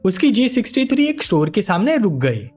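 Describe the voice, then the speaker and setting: A man's voice: high voice, very animated, fairly quick, darkish tone, faint music behind. A man narrating a comic recap as a story.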